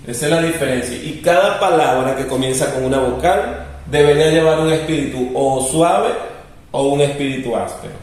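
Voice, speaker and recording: A man's voice: fairly high pitch, a little mellow. A man teaching a lesson, patiently explaining and repeating rules. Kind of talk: recorded classroom lesson. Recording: very echoey room, distant mic.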